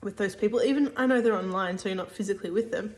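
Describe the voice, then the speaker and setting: A woman's voice: mid-range voice, racing, a little mellow. A woman giving a casual spoken religious teaching, hesitant, with many fillers and restarts.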